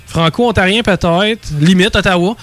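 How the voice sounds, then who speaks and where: A man's voice: sits high, moderate pace, a bit bright, soft background music. A man with a Quebec French accent co-hosting a podcast, joking around in casual banter. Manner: joking, playful, hums and sings bits. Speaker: podcast co-host.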